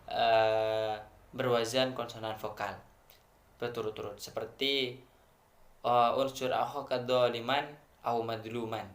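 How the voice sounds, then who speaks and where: A man with an Indonesian accent presents a lesson in an academic tone. He is measured and goes through each point step by step, pausing on fillers. His mid-pitched voice rings in an echoey room. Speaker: student presenter.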